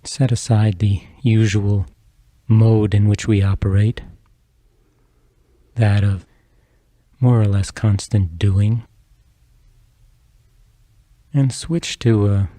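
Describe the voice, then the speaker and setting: A man narrates a slow guided meditation in a deeply mellow, relaxed voice, speaking softly in measured phrases with long pauses between them. His tone is husky, and the recording sounds close and dry.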